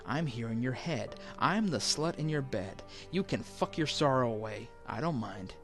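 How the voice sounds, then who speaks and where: A man voicing a sinister, seductive male apparition who smokes and taunts in a slow, purring, mocking way, over faint music. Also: medium pitch, expressive, close to an everyday voice. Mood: taunting. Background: faint background music.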